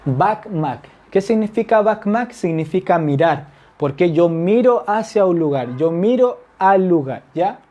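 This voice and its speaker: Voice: mid-range voice, animated, a little slow, hardly any pauses, mellow, lo-fi sound. A Turkish language teacher, giving a whiteboard grammar lesson, patient, repeating example phrases and checking understanding with tag questions.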